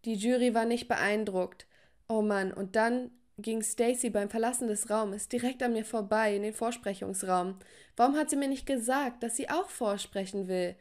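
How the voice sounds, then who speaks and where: A woman's voice: on the high side, moderate pace, darkish tone. A woman telling a first-person story in a dramatic style, with sighing exclamations, over faint music. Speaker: narrator.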